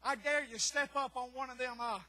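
A man preaching a fervent sermon in church, rising to shouts and dropping low, with many "uh" fillers. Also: fairly even intonation, fairly quick, rough recording. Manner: fervent, rises to shouts then drops low, frequent "uh" fillers. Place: church sanctuary.

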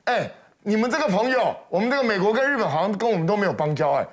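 A man's voice: high voice, lively intonation, rapid-fire. A man with a Taiwanese Mandarin accent giving heated talk show commentary in a television studio, scornful and full of sarcastic rhetorical questions. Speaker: political commentator.

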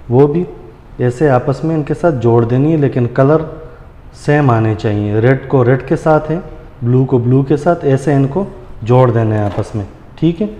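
Mellow and mid-range, this man's voice comes through lo-fi as he hosts a casual step-by-step tutorial, speaking to viewers like friends. His hands are at a granite counter in a tiled indoor room, where the recording is noisy and echoes off hard walls.

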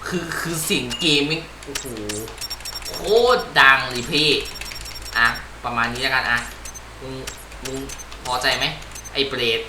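A man's voice: medium pitch, a little slow, long pauses, very noisy. A young man giving casual let's-play commentary, rambling and swearing as he corrects himself. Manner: rambling and profane, self-correcting. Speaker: gamer. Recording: echoey room with loud game music.

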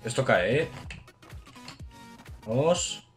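A man with a Spain Spanish accent doing casual gameplay commentary as a gaming channel host, excitable, swearing and cheering on his teammates. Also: mid-range voice, extremely slow, soft background music.

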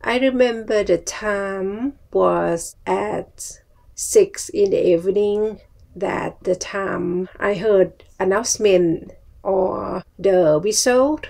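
Slow-talking Thai-accented woman, creaky voice. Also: mid-range voice, darkish tone. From Thailand. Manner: halting, simple phrasing in short bursts. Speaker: vlogger. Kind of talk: personal storytelling to camera. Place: small furnished room at home, indoors.

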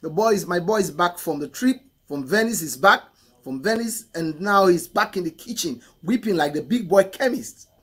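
A middle-aged man with a husky voice, reacting to a song in casual commentary and repeating phrases for emphasis. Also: sits high, lively intonation, moderate pace, a bit bright. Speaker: music reaction host. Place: indoor room, photo-covered wall. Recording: music playing faintly behind. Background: hip hop song.

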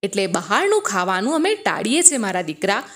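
A woman voicing a fond, caring middle-aged mother who speaks gently and coaxingly. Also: medium pitch, sing-song, brisk, voice pushed down. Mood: gentle.

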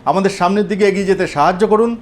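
A man with a notably high voice reads a political news report aloud. His delivery is steady, earnest and scripted, and he speaks to viewers as friends. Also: very fast.

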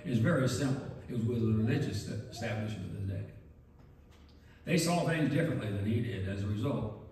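A man preaching a sermon as pastor, earnest and measured, with emphatic pauses. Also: medium pitch, a little mellow, slight background noise. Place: large church sanctuary. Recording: very echoey church from far off.

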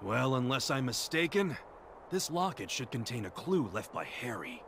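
Confident little detective creature. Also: male voice, mid-range voice, big pitch swings, a little slow, a little hiss or hum. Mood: knowing, assured. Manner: assured, knowing detective talk. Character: small male Pikachu detective, confident and shrewd. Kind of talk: video game cutscene acting. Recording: game audio under loud music.

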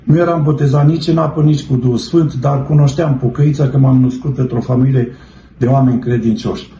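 A man's voice: medium pitch, fairly even intonation, warm tone. A middle-aged man giving an earnest, fervent religious testimony, telling his story and calling his listeners brethren. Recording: roomy, dull, slightly noisy.

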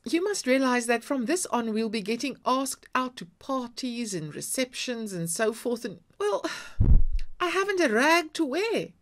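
A woman's voice: a little high, big pitch swings, unhurried, voice pushed up. A woman voicing a shrewd, proud middle-aged wife who talks in a coaxing, chiding way.

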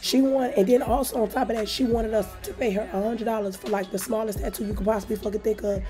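A woman with a hoarse, worn-out voice giving a frank, sweary, casual vlog voice-over. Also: fairly high pitch, steady tone, fast, over music. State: hoarse, voice nearly gone. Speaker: travel vlogger.

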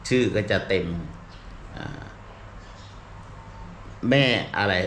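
A man's voice: drawn-out words, a bit bright. A middle-aged man, a comedian, explaining at length in a rambling casual way, full of fillers, restarts and polite particles. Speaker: comedian and show regular. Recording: echoey room with faint ambient noise.

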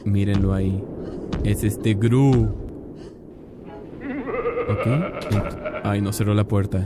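A man casually commentating a game, chatty and excitable, talking to his viewers. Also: fairly low pitch, slow, heavy background noise. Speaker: gaming youtuber. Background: game music.

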